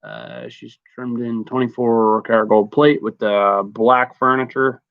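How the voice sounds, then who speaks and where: A man's voice: medium pitch, steady tone, a little slow, dry recording. Laid-back guy chatting on a live stream, jokey, lo-fi dull audio. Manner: easygoing and joking, with many fillers. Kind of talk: casual live stream chat.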